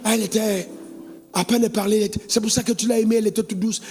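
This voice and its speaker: A man from Côte d'Ivoire, preaching a sermon as pastor, with sing-song rises and bursts of shouting. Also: sits high, fairly even intonation, racing.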